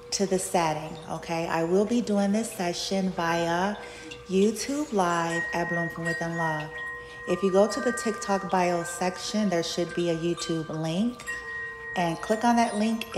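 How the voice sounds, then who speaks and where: A woman speaking as a Reiki healer and channel host, giving a spiritual session preview in a soothing, unhurried, mystical manner. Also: fairly low pitch. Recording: echoey reverberant sound with music and chimes.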